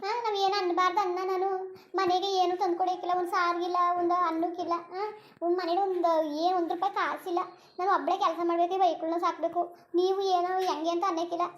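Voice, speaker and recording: Cartoon village mother, a woman voicing her, pleading, reproachful, tearful, very high voice. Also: flat delivery, fast. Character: poor, weary village mother of four.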